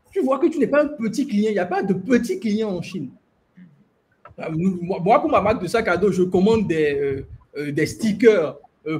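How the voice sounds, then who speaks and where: In an enthusiastic group discussion, a man acting as host talks animatedly and tells stories, restarting many times. His voice sits high with a darkish tone.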